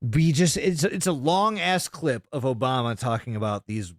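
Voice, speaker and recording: A man with a mid-range voice co-hosts a podcast, chatting casually as they recap a web horror series. He speaks at normal speed, informally and emphatically, with plenty of swearing, in echo-free studio-quality audio.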